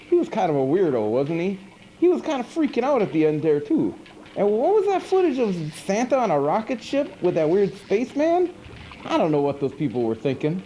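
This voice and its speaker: A man with a high, mellow voice plays a goofy monster hosting a horror movie show, grumbling and apologizing through slangy, exasperated comic rambling. The sound is muffled, from a noisy 1980s VHS TV tape.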